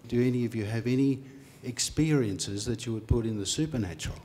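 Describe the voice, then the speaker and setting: Calm man posing questions in an echoing hall. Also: medium pitch, a little fast. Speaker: discussion facilitator. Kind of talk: measured group questioning. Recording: long hall reverb.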